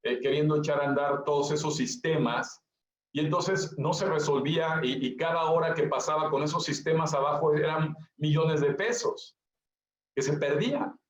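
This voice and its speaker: Male pastor, high voice, emphatic repeater, roomy lo-fi church recording. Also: moderate pace. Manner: emphatic repetition, addresses listeners directly. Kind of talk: sermon. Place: church hall. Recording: echoey, dull lo-fi church recording.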